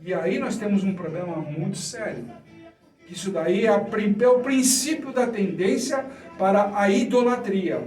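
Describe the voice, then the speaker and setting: High-voiced Brazilian preacher in echoey room. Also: male voice, normal speed, a little mellow, faint music behind. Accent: Brazilian Portuguese. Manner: didactic, asks and answers own questions. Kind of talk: sermon teaching. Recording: echoey room, mic at a distance.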